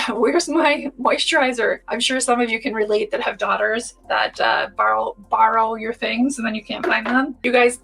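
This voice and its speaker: A woman's voice: a little high, creaky, a bit bright, slightly rough, low-quality recording. A woman in her forties chatting casually and enthusiastically through a beauty product review, talking straight to her viewers. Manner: chatty, enthusiastic, addresses viewers as you guys. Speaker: beauty vlogger.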